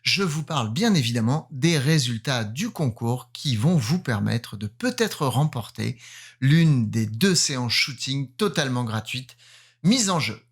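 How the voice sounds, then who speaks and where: A man from France hosts a casual photography vlog. He talks in a playful, self-mocking way, often hesitating with fillers. His voice sits at a middle pitch for a man. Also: lively intonation, a little slow, breathy edge. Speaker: photographer running a giveaway.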